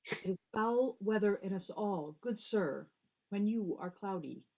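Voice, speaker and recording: Woman playing a lively, wordy old courtier. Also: medium pitch, measured pace, muffled recording, slight background noise. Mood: mildly reproving. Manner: earnest, long-winded, courtly. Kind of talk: Shakespearean stage drama performance.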